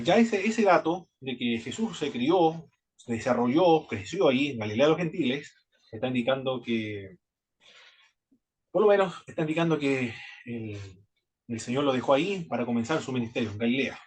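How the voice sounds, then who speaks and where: A man with a Chilean accent teaching a theology class at a Bible institute, lecturing in a halting way with frequent restarts. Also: mid-range voice, slightly rough. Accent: Chilean Spanish. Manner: halting, many restarts and repeated words.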